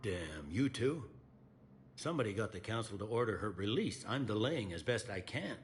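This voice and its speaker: An actor playing a blunt, wry, exasperated law officer in a video game. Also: male voice, on the low side, big pitch swings, moderate pace, a little hiss or hum.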